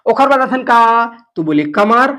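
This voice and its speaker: A man's voice: very high-pitched, animated, a little slow, sharp tone. A man teaching an exam class, asking questions and answering them himself, with local phrases mixed in. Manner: slips into Chhattisgarhi phrases. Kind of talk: lecture drilling exam facts.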